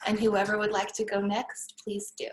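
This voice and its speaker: A woman's voice: mid-range voice, monotone, moderate pace, roomy sound, a little hiss or hum, rough recording. A woman giving a reflective personal introduction in earnest, flowing words. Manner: earnest, flowing, spiritual wording. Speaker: community participant.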